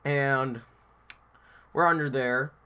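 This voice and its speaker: Young male vlogger, rambling casual storyteller, heavy on fillers, mid pitch. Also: fairly even intonation, takes it slowly, sharp tone, smooth.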